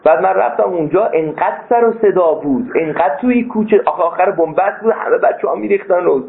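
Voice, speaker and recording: A man teaching a philosophy class as a seminary lecturer, stressing key points with sudden leaps in pitch. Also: creaky. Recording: tinny phone-like sound.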